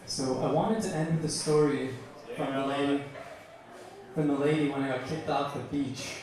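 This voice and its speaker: A man's voice: fairly high pitch, steady tone, normal speed, a crowd in the background. A young man doing stand-up, telling meandering, profane anecdotes in a bar. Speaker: stand-up comedian. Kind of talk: stand-up storytelling. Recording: echoey bar from far off.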